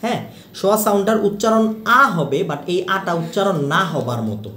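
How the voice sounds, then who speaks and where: A man teaching English vowel sounds, repeating each example word several times and asking quick questions. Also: sits high, very animated, sharp tone. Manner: repeats example words slowly, asks questions. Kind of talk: teaching pronunciation. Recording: echoey room with faint noise.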